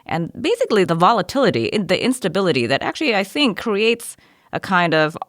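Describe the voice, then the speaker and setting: A woman from Indonesia hosting a podcast, asking thoughtful, measured questions. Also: medium pitch, very animated, a bit bright, dry recording, clean studio sound. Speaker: podcast host. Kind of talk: podcast interview.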